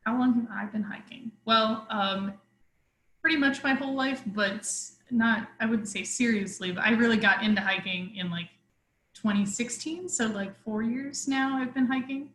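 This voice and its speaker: A woman's voice: fairly high pitch, moderate pace, a bit bright. A woman answering questions in a casual webinar, chatty and hesitant with many fillers. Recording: echoey room.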